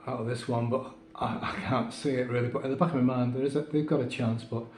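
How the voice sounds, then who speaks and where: A man co-hosts a casual football prediction chat, speaking in a measured, thoughtful way with fillers. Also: medium pitch, steady tone, a little mellow. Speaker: co-host. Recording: echoey room, faint noise.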